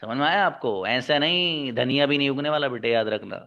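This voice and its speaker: A man's voice: medium pitch, a little fast. A male English teacher lecturing his class, scolding and exhorting his students to work hard. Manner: scolding, exhorting, calls students son and daughter. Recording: dull lo-fi recording.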